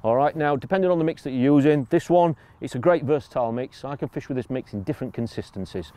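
A middle-aged British man with a mellow, relaxed voice talks casually through a fishing tutorial, seated outdoors by a lake. The sound is dry and close, and he keeps checking in with the viewer as he goes. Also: mid-range voice, fast talker, no echo. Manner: chatty, frequent "all right?" and "you know". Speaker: angling coach.

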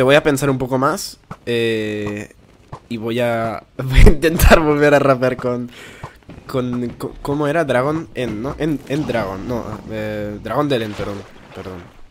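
A man's voice: mid-range voice, slow, slight background noise. A man with a Spain Spanish accent giving casual, rambling gameplay commentary, swearing freely as he talks. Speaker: gaming YouTuber.

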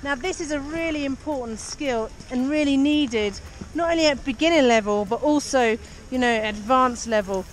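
A woman's voice: high voice, normal speed. A cheery, encouraging woman coaching a beginner as a ski instructor, calling out instructions and explaining to the camera. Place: outdoors on a busy ski slope. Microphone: action camera held or worn. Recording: noisy outdoor action-camera sound.

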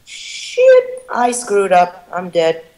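This is casual gameplay commentary from a man who games and edits for his channel, throwing sarcastic barbs over voice chat and getting panicky when his character is threatened. His voice is high and a little mellow, with huge pitch swings and drawn-out words. Recording quality is low.

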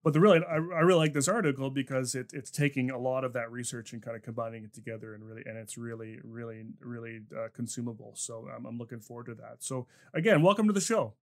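A man's voice: medium pitch, fast talker, hardly any pauses. A man hosting a podcast interview, talking casually with many fillers and restarts. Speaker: podcast host.

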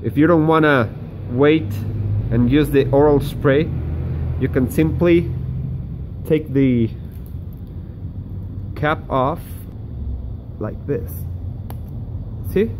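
A man's voice: a little high, takes it slowly, pauses often, background noise. Man showing gear, chatty and step-by-step. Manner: chatty, explains step by step to viewers. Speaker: outdoor gear vlogger. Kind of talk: casual hands-on demonstration. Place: indoors at a table. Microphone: camera filming hands from above.

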